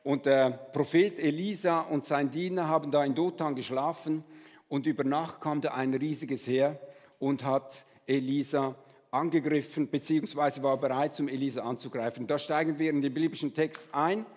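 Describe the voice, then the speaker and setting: Male pastor, earnest chatty preaching, slightly raised pitch, hall reverb. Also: steady tone, moderate pace, a little mellow. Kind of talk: sermon.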